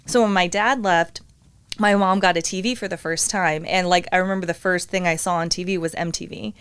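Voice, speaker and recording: A woman's voice: fairly low pitch, steady tone, fairly quick, fairly bright tone, smooth, dry recording. A woman born in England, a podcast guest talking candidly and chattily about her upbringing and career. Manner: candid, chatty, laughs often. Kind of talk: casual interview chat.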